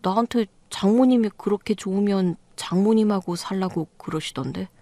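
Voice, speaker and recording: A woman's voice: medium pitch, moderate pace, warm tone, no room sound, natural voice. Woman voicing a clueless hubby who keeps defending himself, dry audio. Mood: defensive. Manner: defensive, pleading. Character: bewildered, clueless husband.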